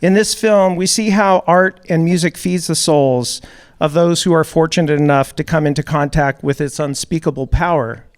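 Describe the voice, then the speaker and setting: A man's voice: a little high, a faint crowd. A man hosting a town hall, delivering a prepared opening speech a little nervously to an audience in a hall. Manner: a little nervous, reads measured remarks. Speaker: event host, music producer.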